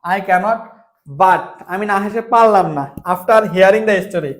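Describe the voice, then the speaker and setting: A man's voice: high voice, slow pace. A man with a Bangladeshi Bengali accent teaching English grammar, spelling words letter by letter and often checking that his students follow. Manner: calls students brother, asks if they follow. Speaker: English tutor. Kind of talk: online grammar lesson.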